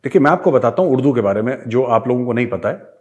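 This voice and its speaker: A middle-aged Indian man with an Indian accent giving a forceful, rhetorical opinion monologue as a show host, moving between English and Hindi. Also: medium pitch, expressive, fast.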